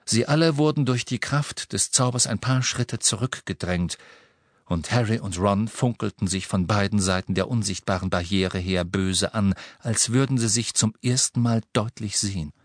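A man reading a story aloud in a measured, dramatic storytelling manner. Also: fairly low pitch, dry recording, studio quality. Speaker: audiobook reader. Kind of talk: scripted narration.

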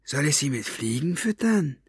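A man's voice: fairly high pitch, sing-song, moderate pace, slightly rough, dry recording, studio quality, pitched above the performer's own voice, full character voice. A man reading an audiobook, voicing a brutish henchman who mocks and sneers. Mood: sneering. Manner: sneering, mocking.

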